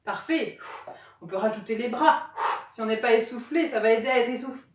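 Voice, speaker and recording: A woman's voice: a little high, brisk, heavy background noise. A woman leading a home workout, cueing breathing and counting aloud, a little out of breath as she demonstrates. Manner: encouraging, counts out loud and cues breathing. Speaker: fitness instructor. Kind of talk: guided home workout coaching. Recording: echoey room, voice from far off.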